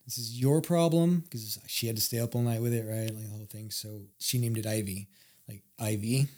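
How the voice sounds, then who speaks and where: A man talks fast and loose on a podcast, his voice a little husky. He tells stories with energy and acts out the lines of the people in them. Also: on the low side. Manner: animated storyteller, acts out quotes. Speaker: podcast guest. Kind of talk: casual storytelling conversation.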